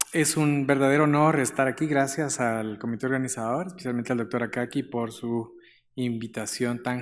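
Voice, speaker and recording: A man from Guatemala gives a medical lecture in a relaxed, conversational way, often pausing on "eh" fillers and slipping in light jokes. His voice sits at an ordinary middle pitch. The sound carries a long reverb from a large hall. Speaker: guest lecturer, neurologist. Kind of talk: conference lecture.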